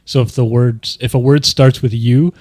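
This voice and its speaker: A man in casual conversation, speaking deliberately with small pauses inside his sentences. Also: medium pitch, fairly even intonation, a little mellow, no room sound. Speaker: podcast cast member and audio editor. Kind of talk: casual chat.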